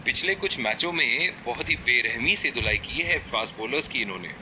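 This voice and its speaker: A man voicing an excitable cricket commentator in a video game, with animated, dramatic phrasing. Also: medium pitch, a little fast, close to an everyday voice. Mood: excited, engaged. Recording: noisy stadium game audio.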